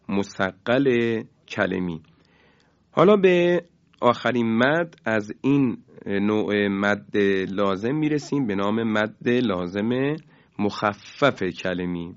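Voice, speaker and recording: Measured male radio tajweed teacher. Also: lowish voice, animated, muffled recording. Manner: measured, draws out key terms slowly, chants example words louder. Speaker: Quran recitation teacher on radio. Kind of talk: radio lesson.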